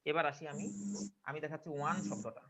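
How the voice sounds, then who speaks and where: A man's voice: fairly high pitch, fast talker, bright, forceful tone, a little hiss or hum. A man with a Bangladeshi Bengali accent teaching English pronunciation to a class, often asking whether they follow. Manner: questioning, checks understanding often. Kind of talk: online classroom lesson.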